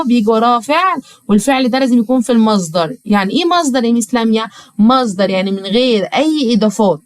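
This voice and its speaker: A woman with an Egyptian accent teaching English to young pupils, talking directly to the child and repeating words slowly, syllable by syllable. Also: on the high side, dry recording, rough recording. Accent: Egyptian Arabic. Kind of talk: online lesson with spelling drills.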